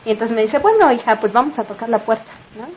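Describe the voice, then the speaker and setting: A woman with a Mexican Spanish accent, a guest telling a story in casual chat, animated and laughing as she acts out what people said. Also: fairly high pitch, fast, a little hiss or hum.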